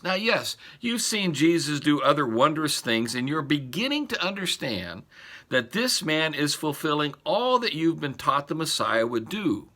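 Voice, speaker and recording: Lively, bright-voiced male pastor. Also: on the high side. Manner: reflective, wondering aloud. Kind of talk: devotional reading and reflection. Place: church.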